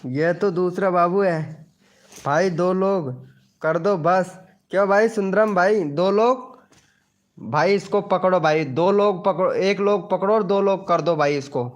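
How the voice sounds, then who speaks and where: A man's voice: high voice, a little slow. A young man hosting a casual live stream, joking and teasing viewers by name.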